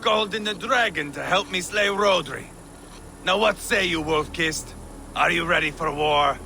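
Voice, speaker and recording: An actor playing a ruthless, boastful Viking warlord in a video game, menacing, taunting and foul-mouthed. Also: male voice, fairly high pitch, normal speed, gravelly, pushed and bright, a little hiss or hum. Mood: eager for battle. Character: ruthless boastful male Viking warlord, vengeful and battle-hungry. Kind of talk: video game dramatic acting.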